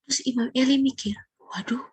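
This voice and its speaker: A young woman Sunday school teacher telling a Bible story to children, animated, asking them questions and sometimes dropping to a whisper. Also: a little high, a little slow, slightly rough, no room sound.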